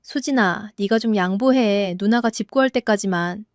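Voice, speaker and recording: A woman's voice: medium pitch, normal speed, no room sound, studio quality, voice pushed down, natural voice. A woman voicing a husband who speaks reproachfully. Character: adult husband siding with his mother.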